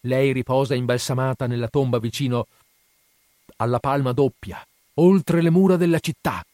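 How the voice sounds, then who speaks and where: A man voicing a frenzied, gleeful old Egyptian priest who speaks in a loud, exalted, hysterical way in a dramatic audiobook reading. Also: medium pitch, normal speed, no echo, clean studio sound, close to an everyday voice.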